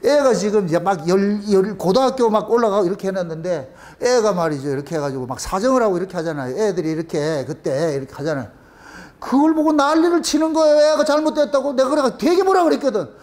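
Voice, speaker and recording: A middle-aged male pastor preaching a sermon in a colloquial, animated way, with rhetorical questions and bursts of laughter. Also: high voice, fast.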